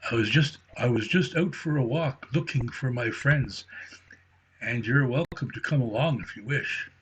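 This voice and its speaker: A man voicing a calm, friendly male turtle who speaks slowly and deeply, in a bedtime story. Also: slight background noise, lightly acted. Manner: slow, deep, unhurried.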